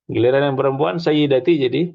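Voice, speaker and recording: A man's voice: mid-range voice, fast, gravelly. A man teaching an informal Arabic class, chatty, explaining with examples and having students repeat after him. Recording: dull lo-fi dry recording.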